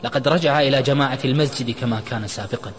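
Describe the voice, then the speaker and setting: A man narrator voicing a sad, subdued young man who speaks quietly and downcast. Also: mid-range voice, very fast, big-room sound, soft background music, natural voice.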